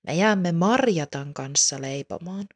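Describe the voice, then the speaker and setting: A gentle, patient mother from a storybook, voiced by a woman reader. She speaks softly and reassuringly, and her voice sits a little low. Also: lively intonation, breathy edge.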